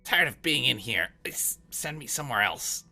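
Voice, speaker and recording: A man voicing a weary, grumpy captive skeleton who wants to die, speaking in a gravelly, strained rasp with curt, sardonic groans in a tabletop game. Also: medium pitch, big pitch swings, moderate pace, pushed and bright, soft background music, pitched above the performer's own voice, exaggerated voice. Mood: grumpy, fed up. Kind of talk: tabletop role-play character voice.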